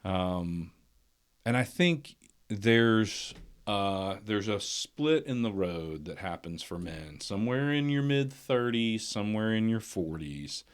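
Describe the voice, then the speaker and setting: A man's voice: lowish voice, expressive, slow, smooth. A man in his forties hosting a conversational podcast, reflective and building to emphatic points. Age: 40s. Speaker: podcast host. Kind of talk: casual conversation.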